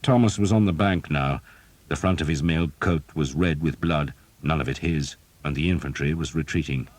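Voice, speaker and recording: A man narrating an audiobook in a steady, dramatic storytelling manner. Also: a bass voice, normal speed, dry recording. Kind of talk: scripted narration.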